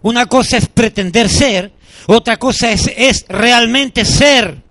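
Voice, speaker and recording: Bright high-voiced preaching pastor, a man. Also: slow pace. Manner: animated storytelling preacher, voices the people in his anecdotes. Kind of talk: sermon.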